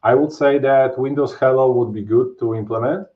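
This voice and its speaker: Speaking at a medium pitch with a steady tone and normal pace, a Polish man in his thirties presents a live technical webinar from his home office, explaining things casually with lots of fillers and tag questions. He speaks with a Polish accent, and his webcam video call produces dull, lo-fi stream audio.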